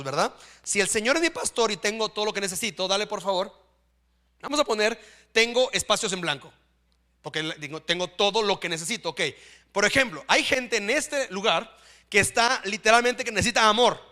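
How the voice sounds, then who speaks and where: A man's voice: high voice, expressive, fairly quick, pushed and bright. A man preaching a sermon in church, often checking in with his listeners. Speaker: pastor.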